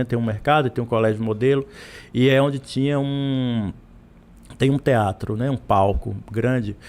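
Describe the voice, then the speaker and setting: A Brazilian literature professor appears as a guest on a podcast interview, speaking at a medium pitch. His talk is full of restarts and repeated words.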